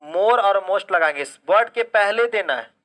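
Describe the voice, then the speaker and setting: A man's voice: high voice, animated, measured pace, pushed and bright. A man teaching English grammar in a live online class. He asks questions and answers them himself, drops English phrases into his Hindi explanation, and keeps checking whether students understand.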